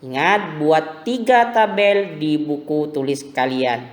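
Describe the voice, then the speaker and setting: Slow, patient male religion teacher. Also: fairly high pitch, in a large hall. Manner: slow, patient explaining to children. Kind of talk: recorded lesson for primary pupils.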